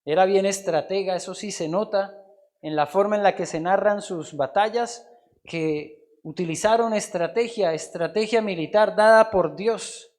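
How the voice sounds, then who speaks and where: A Colombian pastor delivers a sermon in a church, his voice sitting high for a man. He preaches with drama, dropping to soft asides and then rising to loud, emphatic declarations. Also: moderate pace.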